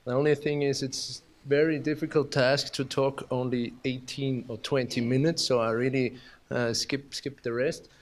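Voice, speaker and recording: An Austrian-accented man delivers a conference keynote in a hall, halting, with many restarts and fillers and some self-deprecating humor. His mid-range voice is flat in delivery.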